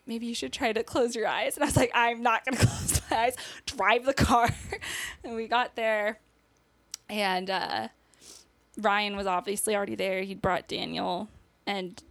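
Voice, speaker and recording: A woman's voice: medium pitch, steady tone, normal speed, vocal fry, no echo. A young woman guest on a podcast, telling a personal story in casual conversation, laughing nervously and acting out what people said. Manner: acts out quoted dialogue.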